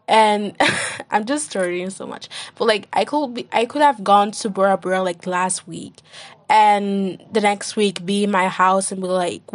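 A young woman hosting a casual solo podcast, rambling with lots of "like" and restarts, and acting out what others say in a higher voice. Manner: rambling, heavy use of "like", acts out quoted friends in a higher voice. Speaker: podcast host.

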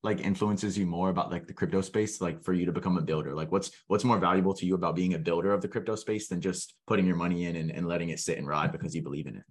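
A man's voice: low-pitched, steady tone, quick pace, few pauses. A man hosting a casual interview, asking informal questions that he rephrases mid-thought. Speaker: podcast interviewer.

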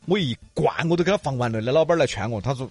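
A man's voice: mid-range voice, animated, racing, darkish tone, no room sound. A man with a Sichuan accent co-hosting a casual talk show, telling earthy, joking stories with colorful exaggeration. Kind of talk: casual banter about regional food.

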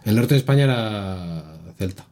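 A man's voice: fairly low pitch, animated, normal speed, darkish tone. A man from Castile with a Castilian Spanish accent, a podcast co-host explaining things confidently in casual chat. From Castile, Spain.

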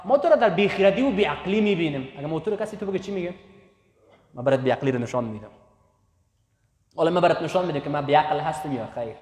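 A man's voice: fairly high pitch, animated, hardly any pauses, a little mellow. A man preaching a sermon in Persian, repeating phrases for emphasis and raising his voice on key points. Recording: echoey hall with long reverb.

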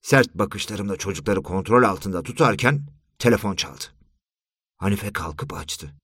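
A man's voice: lowish voice, measured pace, a bit bright, husky, no room sound. A man narrating a first-person story in a weary, dry storytelling manner. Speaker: audiobook narrator.

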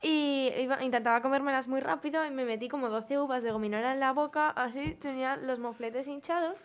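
A woman's voice: sits high, a little fast. A woman chatting on a casual group show, telling personal anecdotes.

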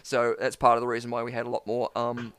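A man's voice: mid-range voice, completely flat delivery, fast, fairly bright tone, clear, resonant tone. A man hosting a live online quiz in a chatty, rambling way, full of fillers. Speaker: quizmaster.

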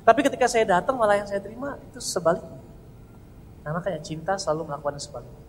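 A man's voice: high voice, expressive, rapid-fire. A man giving an earnest, heartfelt personal testimony to an audience in a large hall. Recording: reverberant hall with faint noise.

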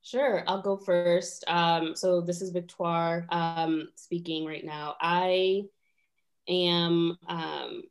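Chatty young woman, slightly low voice. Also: little pitch movement, drawn-out words. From Rwanda. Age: 20s. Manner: chatty, many fillers, laughs easily. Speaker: guest lawyer. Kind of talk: casual podcast chat.

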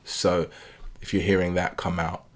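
Podcast co-host, British man, very low voice, curious and probing. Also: little pitch movement, moderate pace. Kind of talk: casual chat.

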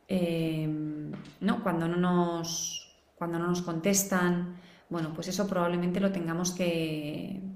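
A woman's voice: on the low side, a little mellow. Woman teaching in a roomy space. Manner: explanatory, acts out quoted voices. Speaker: parenting educator. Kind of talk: live-streamed online class.

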